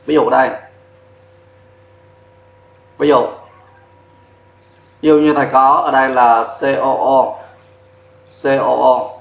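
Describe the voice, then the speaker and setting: A man's voice: mid-range voice, fairly even intonation, takes it slowly, pauses often. A man teaching a chemistry lesson at a board, explaining step by step and spelling out formulas letter by letter. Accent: Vietnamese. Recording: echoey classroom sound.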